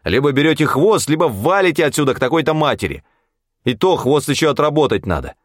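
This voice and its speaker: A man voicing a tough, cynical hunter who snaps and threatens in a gruff, hard way. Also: a little high, very animated, quick pace, dry recording, voice pushed up. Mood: harsh, angry.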